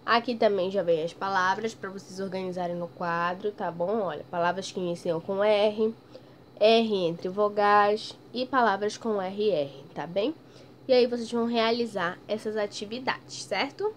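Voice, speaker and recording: A woman teaching a primary school class in a recorded lesson, speaking patiently, drawing out example words loudly and checking in often. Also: medium pitch, normal speed, a little hiss or hum. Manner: ends phrases with "tá bem?" checks. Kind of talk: recorded remote lesson for children.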